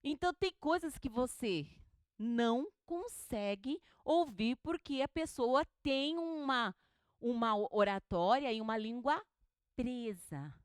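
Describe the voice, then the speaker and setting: A woman teaches a preaching class in a bright, high and smooth voice. She keeps asking the class questions and makes them repeat words aloud. The sound is close and dry. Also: slow pace, no echo. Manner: animated, asks the class questions and drills syllables aloud. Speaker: homiletics teacher. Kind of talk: classroom lecture.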